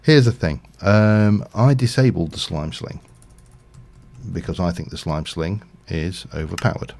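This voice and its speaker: A man's voice: low-pitched, unhurried, vocal fry, a little mellow. A man casually commentating his Minecraft livestream, rambling and thinking aloud with lots of fillers. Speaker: streamer.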